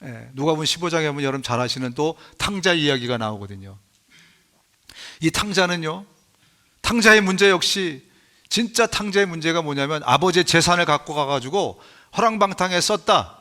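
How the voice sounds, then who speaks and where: A man pastor preaching a sermon, telling the story with animated emphasis and speaking straight to the congregation. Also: a little high, moderate pace.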